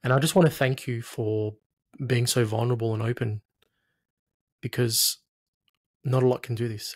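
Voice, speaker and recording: Reassuring male therapist, mid-pitched and dry. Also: dry recording. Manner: reassuring, encouraging, patient. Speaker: hypnotherapist, coach. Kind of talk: guided therapy session, coaching questions. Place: small room, video call.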